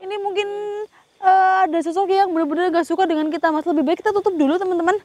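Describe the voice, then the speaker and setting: A woman's voice: very high-pitched, steady tone, quick pace, darkish tone, dry recording. A woman hosting a ghost-hunting vlog outdoors, talking casually and calling her companion "Mas" and her viewers "teman-teman.". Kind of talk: casual on-location vlog talk. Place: outdoors among trees.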